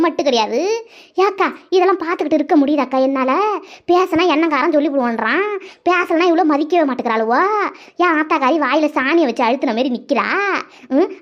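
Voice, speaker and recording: A woman rattles off quarrelsome village gossip in a fast, high voice. She voices the bickering women of a cartoon comedy and complains without pause. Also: dull audio.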